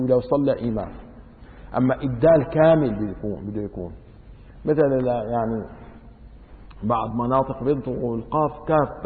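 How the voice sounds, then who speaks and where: A man giving a religious law lesson, reading a classical text and then explaining it in dialect, repeating words aloud to show how they are pronounced. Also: medium pitch. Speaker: religious teacher. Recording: echoey hall over a tinny phone-like line.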